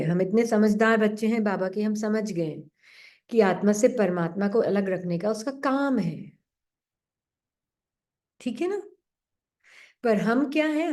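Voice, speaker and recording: Brief: woman spiritual teacher, mellow higher voice, gentle questioning manner, speaking on a video call. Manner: gentle, questioning, acts out the doubting mind in a low voice. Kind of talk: spiritual talk to an online class.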